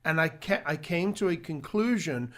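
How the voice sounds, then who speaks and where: Higher-voiced male radio interview guest. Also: lively intonation, normal speed. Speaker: radio show studio guest. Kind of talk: live radio interview talk. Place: radio studio.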